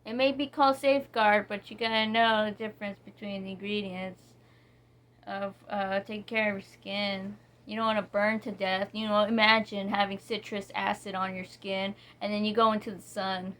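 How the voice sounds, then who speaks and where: A woman casually reviewing bar soaps, reading ingredients slowly and rambling with many fillers and restarts. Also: medium pitch, flat delivery, a bit bright. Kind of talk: casual product review chat.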